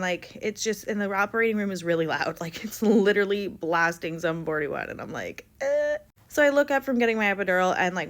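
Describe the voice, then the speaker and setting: Young woman, storytime vlog, lowish voice, lively, many likes, quotes people in bright voices. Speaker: vlogger telling her birth story. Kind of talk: casual storytime.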